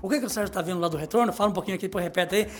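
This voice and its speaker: A middle-aged man runs a comedic radio show in a small studio, joking, rambling, and reading the news aloud at a racing pace, his pitch swinging as he goes. Faint music plays behind him, and he uses a studio microphone.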